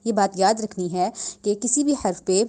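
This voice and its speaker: A young woman teaching Quran recitation in a slow lesson, patiently repeating each sound and drawing words out. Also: mid-range voice, warm tone. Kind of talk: slow word-by-word tajweed lesson.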